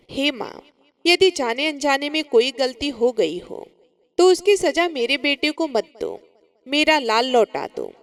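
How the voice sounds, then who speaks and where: A woman's voice: high-pitched, full character voice. A woman voicing a devout old mother who pleads with the goddess in grief, in a storytelling recording. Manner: pleading, lamenting.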